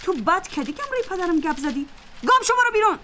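A woman's voice: very animated, noisy background. A woman playing a spoiled, hostile boss's daughter. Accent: Afghan Dari. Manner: shrill, insulting, shouting.

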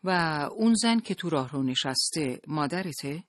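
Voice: medium pitch, lively intonation, no echo, natural voice. An audiobook narrator voicing a male police interrogator who questions with feigned, cool politeness, in a dry booth sound. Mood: cool, probing. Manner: coolly polite, pressing. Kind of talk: audiobook character voice.

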